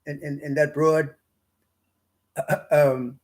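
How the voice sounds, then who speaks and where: A Bahamian man giving an informal Bible study, reading verses slowly and pausing often with fillers and restarts. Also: on the high side, flat delivery, darkish tone. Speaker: Bible teacher. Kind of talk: slow informal scripture study talk.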